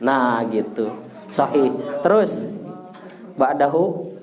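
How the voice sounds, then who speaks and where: A man's voice: mid-range voice, animated, slow pace, music in the background. A man teaching an Arabic lesson, patiently drilling vocabulary in a sing-song tune and chuckling as he corrects. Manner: jokes and chuckles while correcting. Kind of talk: classroom lesson.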